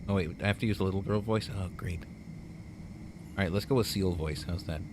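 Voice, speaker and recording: A man's voice: low-pitched, a little fast, background noise. A man co-hosting a gaming video, chatting casually and reading out game dialogue.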